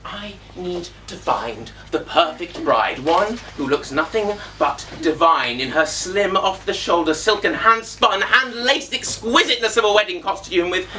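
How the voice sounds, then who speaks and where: A man's voice: high voice, lively intonation, measured pace, few pauses, sharp tone, heavily acted. A man playing a pompous, theatrical cake maker on stage, self-admiring and vain. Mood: grandiose. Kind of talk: live stage comedy. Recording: far-off stage mic, faint room noise.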